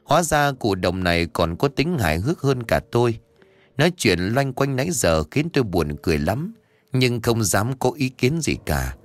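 A man narrating a first-person audiobook story in a lively way. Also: medium pitch, normal speed, dry recording.

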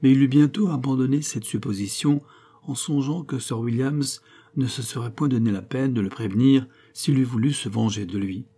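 A man reading a novel aloud as narrator at a steady, measured pace. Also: medium pitch. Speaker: audiobook narrator. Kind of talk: scripted narration.

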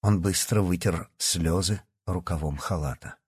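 A man reading an audiobook as the narrator, with an expressive storytelling delivery. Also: low-pitched, unhurried, husky, no echo, studio quality.

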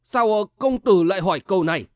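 A man voicing a timid old male servant who guards a gate, speaking slowly and hesitantly with a quavering voice. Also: high-pitched, lively intonation, dry recording, clean studio sound. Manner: slow, quavering, hesitant with fillers.

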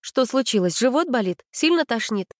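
A woman voicing a caring mother of a schoolgirl, gentle and soothing, in a storybook reading. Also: on the high side, animated, normal speed, no room sound, studio quality, lightly acted. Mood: worried.

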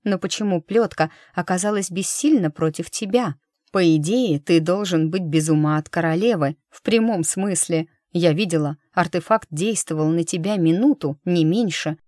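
A woman reading a lively, teasing young woman in an audiobook, quick and emotional in her lines. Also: fairly low pitch, no room sound, clean studio sound, lightly acted. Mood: curious.

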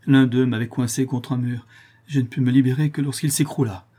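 A man's voice: mid-range voice, steady tone, a little fast, mellow, husky, voice pushed up, close to an everyday voice. A man reading aloud and voicing a distraught young nun, broken and ashamed, with anguished, pleading speech.

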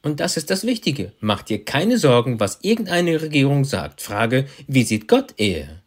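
A man's voice: medium pitch, big pitch swings, measured pace. A man interpreting a sermon, repeating each of the preacher's phrases right after him.

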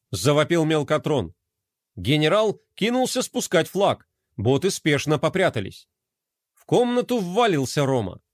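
A man narrating a children's story in a playful, animated way, his pitch swinging widely. His voice sits a touch high, and the recording is close and dry. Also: no echo.

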